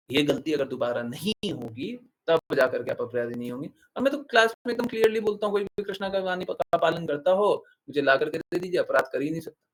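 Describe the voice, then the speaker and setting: A man with a fairly high-pitched voice leads a devotional question-and-answer class as a spiritual teacher. He speaks emphatically, keeps repeating his key points and poses rhetorical questions before answering them himself. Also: breathy edge, poor audio.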